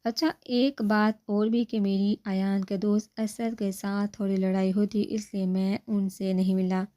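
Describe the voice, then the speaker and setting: A woman's voice: mid-range voice, level tone, warm tone, natural voice. A woman reading the part of an anxious young man who presses his friend with worried questions, in a storybook narration.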